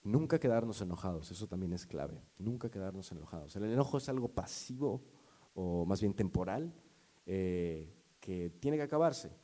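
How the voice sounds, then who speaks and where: A man's voice: low voice, animated, moderate pace, warm tone. A man preaching a sermon as a pastor, talking to the congregation in a conversational, storytelling way.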